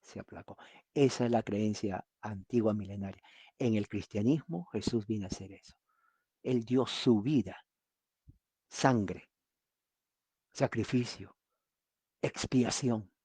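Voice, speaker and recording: A man preaching a sermon as pastor, telling stories in a lively way and acting out the quotes. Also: fairly low pitch, unhurried, long pauses, husky, no room sound.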